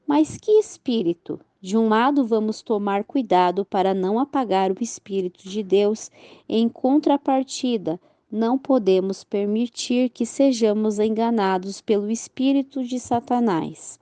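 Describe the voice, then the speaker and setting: A woman's voice: mid-range voice, unhurried, dark tone, no echo, lightly acted. A woman voicing a cautious, earnest male church reformer in a read-aloud religious story.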